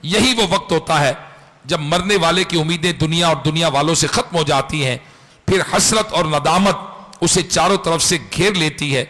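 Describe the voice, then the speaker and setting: A man preaching an impassioned sermon in a mosque, repeating phrases for emphasis and bursting into shouts. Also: a little high, normal speed. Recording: echoey hall with long reverb.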